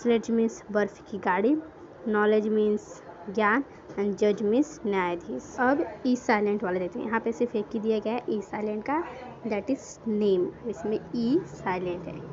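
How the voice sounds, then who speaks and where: A woman's voice: medium pitch, normal speed, a little mellow. A woman teaching an English grammar lesson, spelling words out letter by letter and asking and answering her own questions, mixing English words into her Hindi. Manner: asks questions and answers them herself. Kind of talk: classroom lesson explaining words. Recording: dull lo-fi recording with faint noise.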